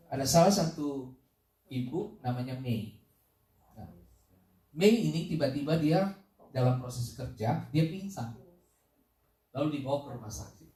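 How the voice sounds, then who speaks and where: A man preaching a sermon as pastor, telling a story with lively repeated phrases and sudden loud questions. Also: medium pitch. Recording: echoey room, voice from a distance.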